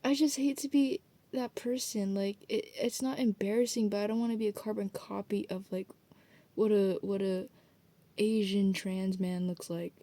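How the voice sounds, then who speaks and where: Young woman rambling at night, super dark warm voice, dry, cusses a lot. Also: mid-range voice, steady tone, moderate pace, no room sound. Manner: rambling, casual, swears freely. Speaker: student vlogger. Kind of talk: late-night rambling vlog.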